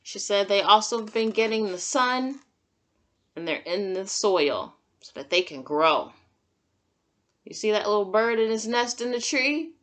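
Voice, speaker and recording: A kindergarten teacher reads a picture book aloud to young children, tossing in simple, encouraging comments and questions along the way. Her mid-range voice is animated and fairly bright, and she speaks a little slowly.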